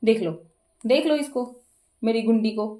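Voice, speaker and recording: A woman's voice: fairly high pitch, normal speed, mellow. A woman chatting casually to her viewers in a daily vlog, calling them guys, from a rooftop in the rain. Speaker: vlogger.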